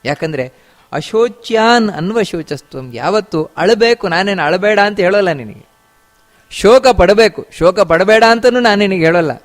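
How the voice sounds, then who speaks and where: Male scripture teacher, high voice, chanted verses, rhetorical questions. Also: moderate pace. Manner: repeats key phrases, asks rhetorical questions. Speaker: religious teacher.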